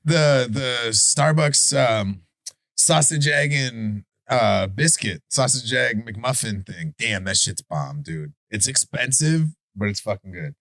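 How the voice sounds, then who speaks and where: A man with a Chicago accent co-hosting a podcast in casual debate chat, animated and profane, stumbling and restarting his sentences. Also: medium pitch, slow pace, no room sound. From Chicago area. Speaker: podcast co-host.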